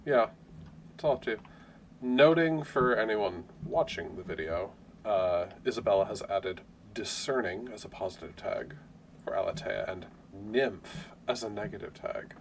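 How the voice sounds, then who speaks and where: A man with a fairly low voice talks things over as game master of a tabletop game. He muses aloud, hedges with fillers and laughs readily between thoughts. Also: moderate pace, slight background noise. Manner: musing, hedging with fillers, laughs often. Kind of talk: out-of-character tabletop game chat.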